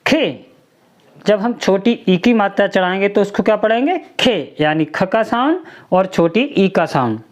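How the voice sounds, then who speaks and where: A woman teaching a children's alphabet lesson, slowly sounding out each syllable and asking the listener to repeat it. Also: medium pitch, lively intonation, darkish tone.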